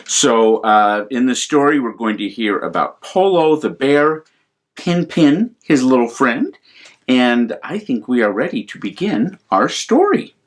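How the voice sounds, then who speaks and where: Reading a story to kids, this American priest speaks at a mid-range pitch in a calm, tender, animated way, never rushing.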